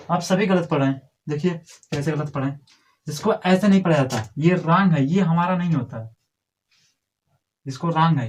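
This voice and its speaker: A man's voice: on the high side, a little mellow, a little hiss or hum. A man teaching a grammar lesson to a class, drilling and correcting pupils in a scolding, repetitive way.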